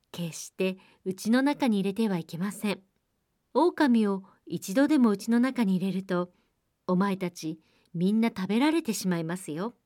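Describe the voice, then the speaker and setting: A woman voicing a caring mother goat in a storybook, giving her young ones a gentle warning. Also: mid-range voice, no room sound, clean studio sound, natural voice.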